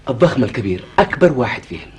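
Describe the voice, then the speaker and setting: Actor as a dramatic, frustrated dreamer husband, Yemeni accent. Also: male voice, medium pitch, very animated, racing, natural voice. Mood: eager. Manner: theatrical, swinging from sighing musing to exclaiming. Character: frustrated, dreamy, work-shy male writer and husband. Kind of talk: television drama acting.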